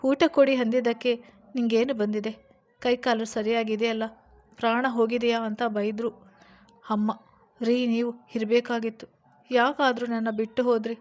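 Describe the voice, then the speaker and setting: A woman's voice: fairly high pitch, flat delivery, moderate pace, long pauses, a little mellow, close to an everyday voice. A woman voicing a sick young wife who talks in a childlike, pleading way. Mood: tearful.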